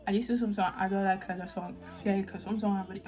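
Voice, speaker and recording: A woman's voice: medium pitch, fairly even intonation, fast, rough recording. A young woman from Italy in a casual opinion vlog, chatty and rambling with many restarts. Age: young adult. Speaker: vlogger. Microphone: phone mic.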